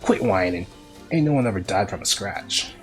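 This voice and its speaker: A man voicing a fierce, vulgar old grandmother who talks with a harsh, growling rasp. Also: low voice, lively intonation, normal speed, soft background music. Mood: menacing.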